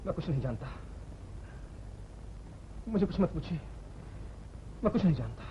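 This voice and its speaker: An actor playing a nervous young nephew, evasive under questioning in a 1950s film. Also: male voice, on the high side, big pitch swings, normal speed. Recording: dull old film soundtrack with hiss.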